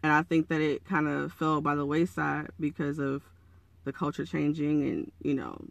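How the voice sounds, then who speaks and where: A man hosts a casual motivational podcast in a fairly high but gravelly, raspy voice, hoarse as if just up in the morning. He talks earnestly and encouragingly in a conversational way. The recording is dry and close, with little room sound. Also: normal speed, no echo, dull audio. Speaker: podcast host.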